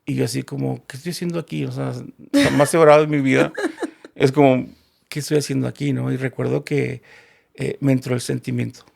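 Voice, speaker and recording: A man's voice: mid-range voice, vocal fry, darkish tone. A man, a guest in a casual interview, telling a personal story and acting out the dialogue.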